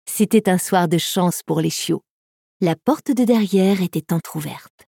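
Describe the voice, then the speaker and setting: Mellow-voiced woman reading a children's story. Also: lowish voice, unhurried, vocal fry, slightly rough, no room sound, clean studio sound. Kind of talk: scripted audiobook narration.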